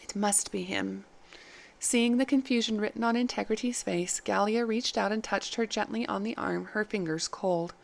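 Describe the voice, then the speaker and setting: A woman narrating a fantasy novel audiobook in a steady storytelling manner. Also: mid-range voice, normal speed, creaky, few pauses.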